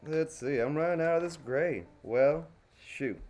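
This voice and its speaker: A crayon painting streamer from Dallas talks to himself in an unhurried, slightly mellow, fairly high voice with a Texas accent. His chatter is casual and folksy, and there's slight background noise.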